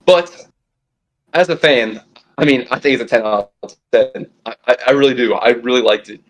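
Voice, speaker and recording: This young adult co-host of a casual fan podcast talks at a normal speed, excited and frequently restarting his sentences. Audio comes from a phone recording of a low-quality stream.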